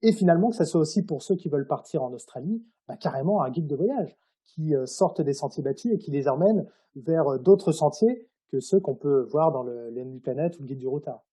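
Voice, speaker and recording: A man with a husky, slightly high voice gives a casual interview about his own work. His tone is mellow, and he explains things informally, feeling his way through each thought. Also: lively intonation, brisk. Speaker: interviewed author.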